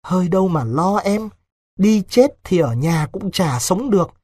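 A man's voice: high voice, lively intonation, measured pace, breathy edge, no room sound, clean studio sound, voice pushed up, exaggerated voice. A man doing a desperate young village lover. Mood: urgent. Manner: urgent, hushed persuading.

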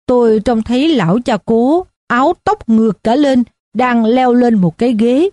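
A woman reading a novel aloud in the first person, in a steady, measured storytelling manner. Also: a little high, dry recording. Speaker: audiobook narrator.

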